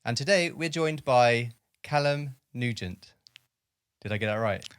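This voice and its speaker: A man's voice: mid-range voice, animated, a little slow, a bit bright, smooth, dry recording, studio quality. A man hosting a podcast, talking in a friendly, chatty way with lots of fillers. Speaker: podcast host. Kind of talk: casual podcast chat.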